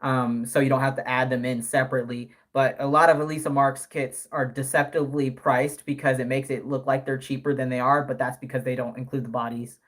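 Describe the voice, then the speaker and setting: A man's voice: medium pitch, level tone, brisk, few pauses, a bit bright. A man in his early twenties chatting casually on a live stream, rambling with many fillers and self-corrections. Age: early 20s. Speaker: live streamer and doll artist.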